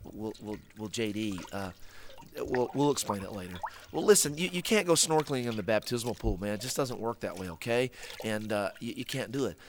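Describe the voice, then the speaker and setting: A man with a lowish, animated, brisk voice hosts a scripted comic skit for kids in children's ministry. He stammers and repeats words while patiently explaining things, with slight background noise.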